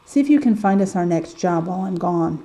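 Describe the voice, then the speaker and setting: A woman voicing a stern middle-aged father giving firm, curt instructions in a spoken story, barely changing her own mellow voice. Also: lowish voice, lively intonation, brisk, lightly acted.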